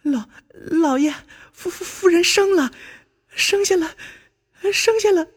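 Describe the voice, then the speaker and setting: A man's voice: very high voice, unhurried, pitched above the performer's own voice. A male storyteller voicing a terrified young maidservant who stutters and repeats her words in a children's story. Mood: frightened, stammering.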